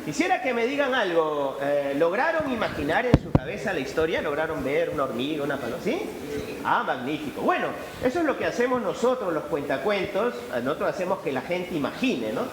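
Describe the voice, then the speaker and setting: A man, a storyteller telling a fable live to an audience in an animated, expressive way. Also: a little high, fairly quick, reverberant, noisy background. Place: event hall at a book fair.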